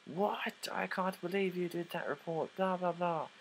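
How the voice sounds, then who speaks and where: A man's voice: sits high, steady tone, a little slow, creaky, slight background noise, voice pushed up, poor audio. A young man putting on the voice of a bitter, angry older father in a mocking rant. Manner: ranting, mocking.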